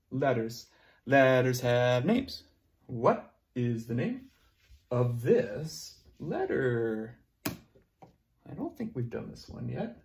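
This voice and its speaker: At a classroom whiteboard, a young man with a medium-pitched, slightly mellow voice touched by vocal fry teaches small children online. He talks slowly and sing-song, full of encouragement, stepping up close to the camera and moving back to write.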